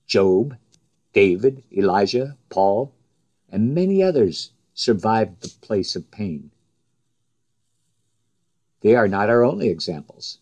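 A man preaching a sermon in a slow, measured way, his voice rising with emphasis on the quoted cries. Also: lowish voice, warm tone.

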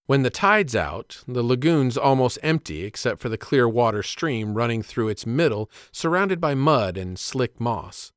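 Male storyteller, plainspoken, animated intonation, dead-dry close mic. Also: mid-range voice, no room sound. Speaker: storyteller and father. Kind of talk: scripted narration of a personal story.

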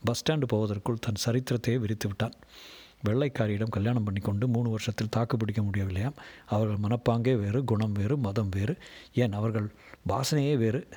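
Husky-voiced man narrating a novel. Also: lowish voice, fairly even intonation, brisk, dark tone. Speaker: audiobook narrator. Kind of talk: storybook narration.

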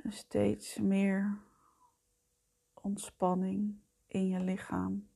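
A woman leading a guided meditation in a soft, breathy voice that often fades towards a whisper, soothing, gentle and unhurried. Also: mid-range voice, monotone. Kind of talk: slow guided meditation narration.

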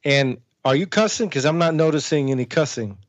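A man's voice: fairly high pitch, animated, a little fast, no echo, highs cut off. A man chatting casually as a co-host who asks questions and offers ideas. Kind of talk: casual chat.

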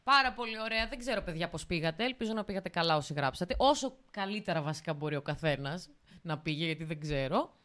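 A woman's voice: lowish voice, expressive, a bit bright. A young woman hosting a podcast, chatting casually, laughing often and using slang. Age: young adult. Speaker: podcast host. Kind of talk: casual chat.

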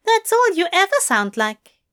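A woman voicing a fussy, fond male angel who speaks in a genteel, prim and gently teasing way. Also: very high voice, very animated, measured pace, voice pushed up, full character voice.

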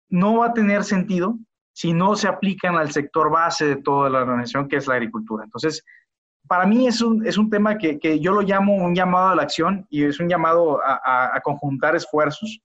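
A man's voice: a little high, fairly bright tone. A man, a biotechnologist guest on a podcast, talking earnestly and often repeating words as he restarts his sentences. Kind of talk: casual interview talk. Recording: dull lo-fi audio.

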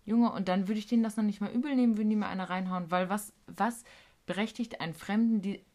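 A woman co-hosting a casual podcast, telling a work story with animated, slangy delivery and acted-out quotes. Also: medium pitch, fast. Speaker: podcast co-host, care worker.

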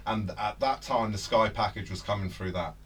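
A man's voice: lowish voice, normal speed, far from the mic. A man from near Wales, co-hosting a casual podcast, reading odd news stories and laughing through them. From England, near Wales. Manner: laughs while reading, animated. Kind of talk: casual banter.

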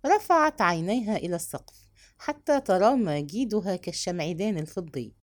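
Expressive low-voiced woman narrating a novel.

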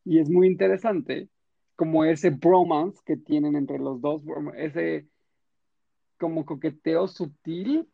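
A man co-hosting a casual chat, giving quick, wry commentary. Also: a little high, steady tone, gravelly, no echo, narrow, tinny audio. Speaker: podcast co-host.

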